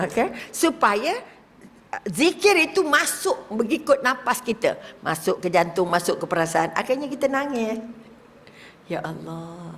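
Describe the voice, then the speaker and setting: An older woman with a Malaysian Malay accent and a high voice gives a lively religious lecture, posing rhetorical questions and dropping to whispers to demonstrate prayer. The reverberant hall recording has a little hiss or hum.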